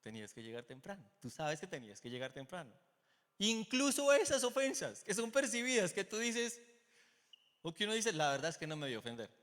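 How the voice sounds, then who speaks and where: A middle-aged Colombian man preaching a sermon in a church auditorium, telling stories in an animated way and acting out the dialogue. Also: high-pitched, a little fast. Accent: Colombian Spanish. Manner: animated storytelling, acts out quoted dialogue. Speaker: pastor. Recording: long hall reverb.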